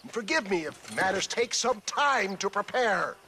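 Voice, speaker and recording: An aging snake-oil salesman in a Western video game. His voice is high for a man, and he speaks in grand, florid phrases like a wily showman, with noise behind him. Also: sing-song, normal speed, bright, forceful tone, exaggerated voice. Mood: affronted. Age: older. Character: pompous, wily, aging travelling elixir salesman.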